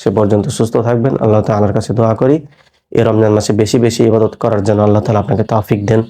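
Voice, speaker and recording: A man with a Bangladeshi Bengali accent teaching Quran reading, slowly drilling letter sounds and checking that his students follow. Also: fairly low pitch, level tone, mellow. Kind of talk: recorded reading lesson.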